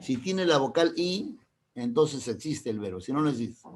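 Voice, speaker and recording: A middle-aged man teaching grammar sounds very animated, his voice easy and mid-pitched over a faint hiss or hum. This language teacher keeps checking that the class follows with quick questions, now and then using a teasing example to lighten the lesson.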